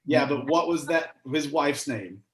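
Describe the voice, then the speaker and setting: A man's voice: a little high, lively intonation, unhurried. A man hosting a casual online trivia night, chatty and joking as he reads out the questions. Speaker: trivia host. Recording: roomy echo.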